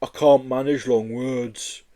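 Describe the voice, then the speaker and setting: Brief: man playing a gentle slow-speaking yeti, sad and muddled. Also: medium pitch, steady tone, lightly acted. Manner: slow, muddled over long words. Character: huge sad furry yeti, slow with words.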